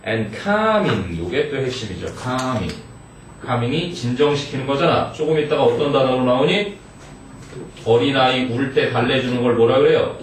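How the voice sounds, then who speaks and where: A man teaching English to high school students, reading English phrases slowly and checking in with the class. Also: expressive. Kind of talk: exam-prep lecture. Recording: echoey room, mic far off, faint noise.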